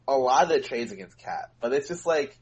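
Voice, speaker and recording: A man co-hosting a casual gaming podcast at a middle pitch. He explains game mechanics at length, animated and full of filler words. His talk is loose and conversational. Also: a little fast, highs cut off. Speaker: co-host and streamer.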